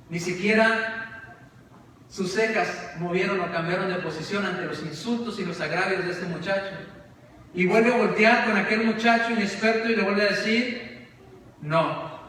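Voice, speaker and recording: A man's voice: high voice, steady tone, normal speed, long pauses, pushed and bright. A man preaching a sermon, telling a story animatedly and dramatically. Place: church sanctuary. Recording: echoey church hall, distant mic, faint noise.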